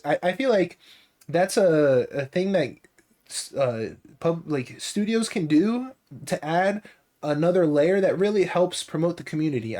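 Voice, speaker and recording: A man's voice: a little high, warm tone. A man co-hosting a casual podcast, talking at length with many restarts and fillers. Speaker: podcast co-host. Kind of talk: casual chat.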